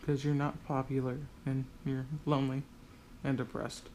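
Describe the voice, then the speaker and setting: A man's voice: mid-range voice, moderate pace, a little hiss or hum, low-quality recording. Teasing off-camera guy. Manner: teasing, deadpan jabs. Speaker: off-camera friend and video editor. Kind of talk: casual banter.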